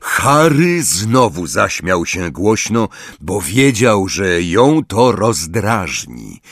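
Slow, expressive male audiobook narrator. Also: sits low, slightly rough, dry recording. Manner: dramatic, expressive reading. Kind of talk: scripted narration.

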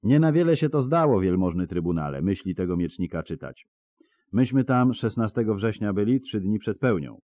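A man plays a soldier testifying before a tribunal in an audiobook. He speaks in a hurried, deferential way, in a very low voice. The sound is dry and a bit muffled. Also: lively intonation, dry recording, lightly acted. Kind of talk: audiobook character voice.

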